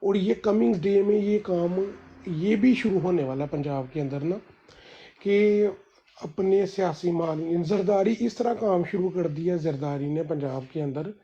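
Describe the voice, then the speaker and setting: A man's voice: high-pitched, unhurried, warm tone, breathy edge, highs cut off. A man in rambling, heated political commentary on a group call, full of restarts and fillers.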